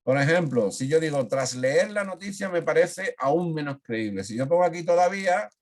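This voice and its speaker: A man giving an online grammar lesson on a video call. He fills pauses with "eh" and keeps checking in with "¿eh?". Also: a little high, lively intonation. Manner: frequent "eh" fillers, checks in with "¿eh?". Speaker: teacher.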